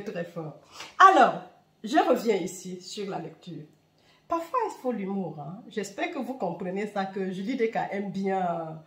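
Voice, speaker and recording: Woman, Bamileke accent, lively pitch, hesitant fillers, echoey room. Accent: Bamileke-accented French. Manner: warm, fervent, with hesitant fillers. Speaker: spiritual reader and channel host. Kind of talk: heartfelt spiritual talk to viewers.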